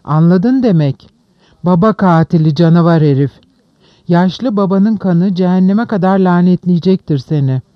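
Brief: enraged elderly police chief, read by an audiobook narrator, yelling, loud; dry, slightly dull studio sound. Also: mid-range voice, moderate pace, no echo, natural voice. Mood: raging. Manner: shouting, enraged. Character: furious old portly police chief, man. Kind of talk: audiobook character voice.

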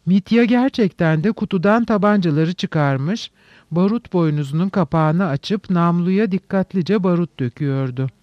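A man reading an audiobook in a measured, steady narration. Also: high voice, dry recording. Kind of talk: scripted narration. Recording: dull dry recording.

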